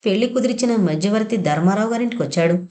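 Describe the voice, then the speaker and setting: A woman narrating an audio novel in a steady, measured reading style. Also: mid-range voice. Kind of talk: scripted narration.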